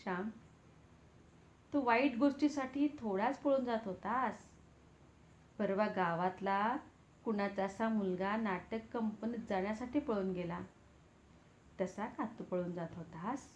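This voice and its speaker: A woman voicing a tender, loving mother who speaks gently and earnestly to her son. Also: mid-range voice, unhurried, long pauses, slight background noise, lightly acted. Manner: gentle, soothing, earnest counsel. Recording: roomy, dull-toned recording.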